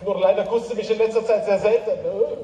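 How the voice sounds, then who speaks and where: An actor playing an eager, vain painter, broken grammar and eager repetitions. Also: male voice, sits high, fairly even intonation, fast talker, mellow, close to an everyday voice. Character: flamboyant Italian painter man, eager and vain. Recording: echoey hall from far off.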